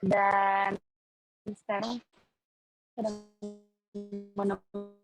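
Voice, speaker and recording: A woman's voice: mid-range voice, little pitch movement, very slow, faint music behind. A woman in her twenties giving a friendly, chatty webinar talk over a video call, her audio choppy and cutting out. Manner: friendly and chatty, with filler sounds. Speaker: webinar speaker. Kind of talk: casual webinar presentation. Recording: dull, lo-fi dry call audio.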